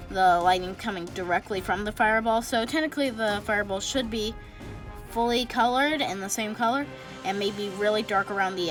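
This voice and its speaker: Rambling chatty woman narrating a drawing. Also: mid-range voice. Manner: rambling, chatty, talks while coloring; self-correcting, thinks out loud. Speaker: drawing channel host. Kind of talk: casual drawing tutorial narration.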